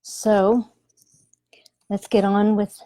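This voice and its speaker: Gentle woman medium chatting on a livestream, real slow, lots of ums, dry close sound. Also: mid-range voice, flat delivery, no room sound. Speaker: animal communicator and medium. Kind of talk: live-stream chat with viewers. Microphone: webcam or phone livestream.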